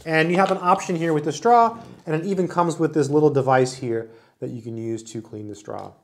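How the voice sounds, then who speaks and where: Talking fairly quickly, a slightly high-voiced man in his forties does a chatty, hands-on product review, showing the item while he speaks. The close camera-mic recording, made in a small room with wood-panel walls, carries some background noise.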